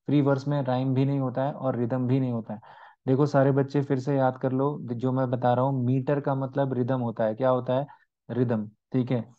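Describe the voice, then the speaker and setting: A man's voice: medium pitch, level tone, moderate pace. A man with an Indian accent teaching an online exam-prep class, mixing Hindi and English and asking and answering his own questions. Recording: slightly dull lo-fi audio.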